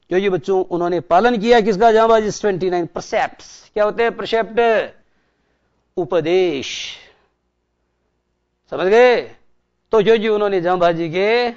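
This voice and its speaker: A male teacher with a Rajasthani Hindi accent, explaining an English lesson in Hindi. He asks the class questions and answers them himself, and he stretches key English words out slowly. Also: high-pitched, clean tone, lo-fi sound.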